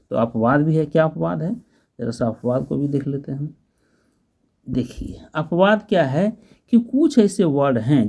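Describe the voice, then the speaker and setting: Patient male tutor, unhurried spelled-out grammar lesson, soft mellow tone. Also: fairly high pitch. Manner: patient, spells letters slowly and asks the class questions. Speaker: teacher.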